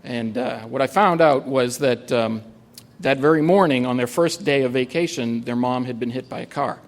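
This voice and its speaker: A man's voice: mid-range voice, moderate pace. A man telling a true story on stage at a live event, with a wry, dry humor and frequent "uh" fillers. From United States.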